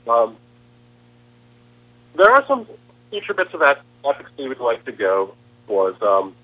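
Bright-voiced hesitant male radio guest. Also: mid-range voice, huge pitch swings, poor audio. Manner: halting, hesitant. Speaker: guest from a bike lab. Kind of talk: casual radio interview.

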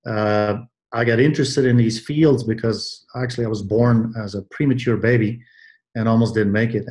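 Brief: man in his sixties, from Belgium, low voice, unhurried, hesitant, restarting phrases often. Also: darkish tone. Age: 60s. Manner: measured, many hesitations and restarts. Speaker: guest, athletic trainer. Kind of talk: interview answers.

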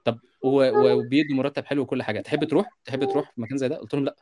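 A man in his thirties with an Egyptian Arabic accent, co-hosting a podcast, telling animated stories in quick bursts and checking in with his listeners. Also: mid-range voice, noisy background. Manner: animated, rapid storytelling with repeated "you understand?" asides. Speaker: podcast co-host, software developer. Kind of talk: casual podcast discussion.

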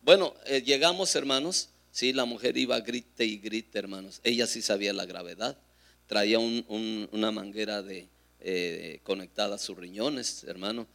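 A man pastor, telling a testimony in a sermon, his voice swinging from hushed to shouted. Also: on the low side, normal speed, creaky.

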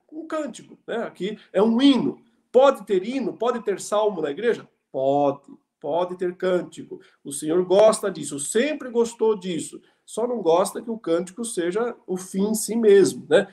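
A man preaching and teaching from the Bible, explaining verse by verse, often asking rhetorical questions. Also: high-pitched.

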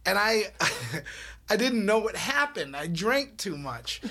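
A man telling a story, bright and high. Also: slow pace. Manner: animated, laughs through his story. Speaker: comedian. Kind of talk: casual storytelling.

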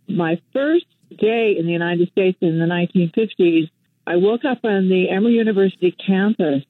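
In a casual phone interview, an older woman from Western Canada, a journalist and activist on as a guest, speaks reflectively in a storytelling way with lots of fillers and restarts. Her mid-range voice comes through a tinny telephone line with no room sound.

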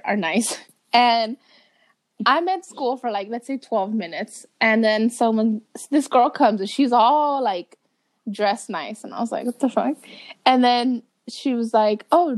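A young woman co-hosting a podcast, telling an embarrassing story in casual chat, laughing often and saying "like" a lot. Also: on the high side. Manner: animated, laughs through her story, heavy "like" fillers. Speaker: podcast co-host.

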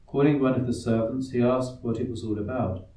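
A man reading scripture as a priest in a measured, solemn liturgical manner, his voice echoing as in a cathedral. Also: mid-range voice, fairly even intonation, dark tone. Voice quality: cathedral-like echo around the voice. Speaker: priest reading the Gospel at Mass. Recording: echoey church, heard from a distance.

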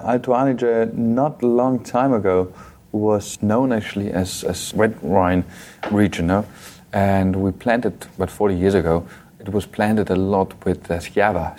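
A man with a South Tyrolean German accent, a native German speaker, talking as a winemaker guest in a casual interview, halting with many fillers and restarts. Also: low-pitched, a little mellow. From South Tyrol, Italy.

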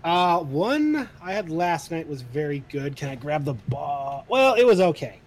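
A man in his mid-thirties co-hosting a podcast, chatting casually, animated and swearing freely. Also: a little high, a little slow, slight background noise. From Idaho, USA. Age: 30s. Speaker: podcast co-host. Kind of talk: casual chat.

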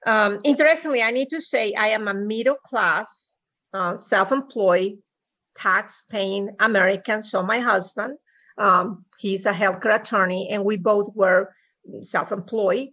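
A middle-aged Mexican woman with a Mexican Spanish accent tells her personal story as a podcast guest over a remote call. Her mid-range voice has a sharp tone, and she speaks haltingly, with frequent pauses, ums, and restarts.

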